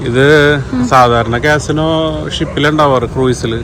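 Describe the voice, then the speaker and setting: A man with a steady, medium-pitched voice talks a little slowly as he guides companions around a seaside fort in a casual outdoor vlog. He mixes English words into Malayalam and keeps checking in with questions, while the noisy audio picks up vehicles and chatter.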